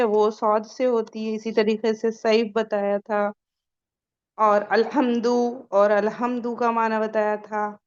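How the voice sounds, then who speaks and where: A woman with a fairly high voice leads a recitation class for women. She keeps firing questions at her learners and answers them herself. The recording sounds dull and lo-fi. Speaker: Quran recitation teacher. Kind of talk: online tajweed class for women.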